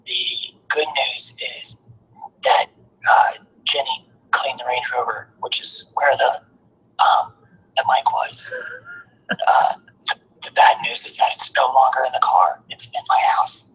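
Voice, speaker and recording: Guy calling in on speakerphone, whisper-shouting, super breathy, phone sound. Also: medium pitch, expressive, unhurried, long pauses. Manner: hoarse loud whisper. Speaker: caller, friend of the host. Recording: tinny phone line.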